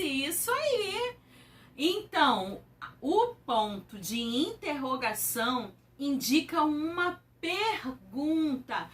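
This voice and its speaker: Bright-voiced Brazilian teacher speaking slowly. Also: female voice, high voice, far from the mic. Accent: Brazilian Portuguese. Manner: animated, exaggerated sing-song teacher talk. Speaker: primary school teacher. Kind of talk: online class for young children.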